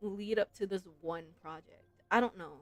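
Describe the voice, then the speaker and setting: With game music playing behind her, a woman streamer offers casual, musing gameplay commentary and reads story text aloud. Her voice is medium-pitched and fairly bright, her pace moderate, and she says "like" a lot in her informal way.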